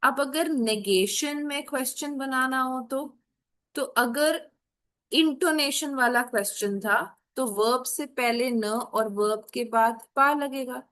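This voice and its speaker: A high, bright-toned woman explains grammar to her students. She speaks slowly and patiently, mixing Hindi and English and repeating each example sentence carefully. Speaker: French teacher.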